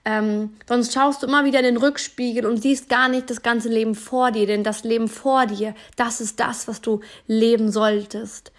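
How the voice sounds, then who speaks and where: A woman with a fairly high voice talks straight to her listener in a motivational podcast. She sounds earnest and encouraging. Her talk is spontaneous, with fillers and restarts. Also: steady tone, normal speed, few pauses. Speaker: podcast host.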